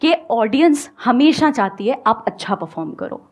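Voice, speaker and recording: Calm, high-voiced woman coach. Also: moderate pace. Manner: calm and reassuring, mixing Hindi and English. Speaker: speaker and communication coach. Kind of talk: motivational stage talk with audience questions. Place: on a stage before an audience.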